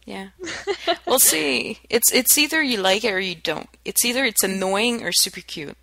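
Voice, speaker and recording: A woman co-hosting a casual gaming podcast, laughing often and quoting game lines in a flat voice. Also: mid-range voice, moderate pace, gravelly, no echo. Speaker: podcast co-host. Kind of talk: casual chat.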